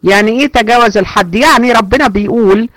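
A woman's voice: a little high, fast talker, a bit bright, no echo, poor audio. A woman with an Egyptian Arabic accent teaching a religious lesson, posing rhetorical questions and explaining through acted-out exchanges.

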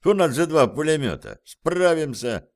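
A man voicing a brisk male guerrilla leader who gives curt orders, read as audiobook dialogue. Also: on the high side, very animated, voice pushed up. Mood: commanding.

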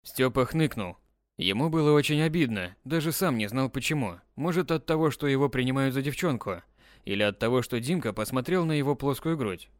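A man's voice: mid-range voice, animated, a little fast, no room sound, studio quality. A man narrating a children's story as an audiobook reader, telling it expressively. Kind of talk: scripted narration.

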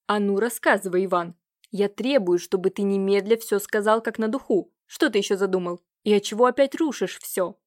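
A woman reading an audiobook, voicing an agitated older nobleman who scolds and nags his nephew with a hoarse, rising voice. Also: on the high side, lively intonation, brisk, natural voice. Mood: scolding. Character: agitated older nobleman uncle, jealous and nagging.

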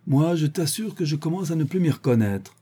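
A man voicing a jovial, ironic gentleman adventurer who taunts his captive theatrically, raising his voice higher than his narration. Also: expressive, a little fast, husky. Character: mocking, jovial gentleman adventurer, male, adult.

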